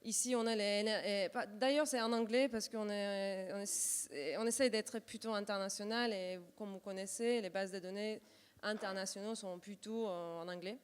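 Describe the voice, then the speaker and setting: In a hall with long reverb, a woman presents a live software demo. Her voice is clear and smooth, with a Turkish accent from her native language. She speaks hesitantly, often searching for the next word as she improvises. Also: medium pitch, steady tone, normal speed. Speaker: workshop presenter.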